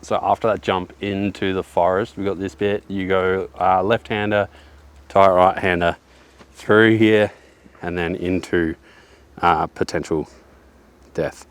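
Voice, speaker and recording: A young Australian man, slightly out of breath, walks a downhill bike track on a forest hillside and keeps up casual, laid-back commentary full of slang and jokes. He has a low voice with fairly even intonation and talks a little slowly.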